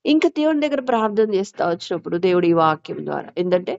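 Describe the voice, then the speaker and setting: A woman leading a prayer group, giving an earnest testimony and emphatic Bible teaching with a gravelly voice. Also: lowish voice, sing-song, fast, a little mellow, no room sound. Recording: dull lo-fi recording.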